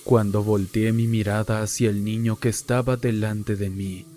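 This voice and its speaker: A man reading submitted horror stories aloud in a measured, hushed storytelling manner. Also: fairly low pitch, level tone, a little hiss or hum. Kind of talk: scripted horror narration. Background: faint background music.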